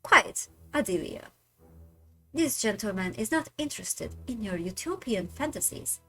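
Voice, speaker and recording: A woman's voice: medium pitch, expressive, a little slow, bright, forceful tone, soft background music, exaggerated voice. A woman voicing a stern upper-class Victorian woman who scolds her younger sister in a haughty manner.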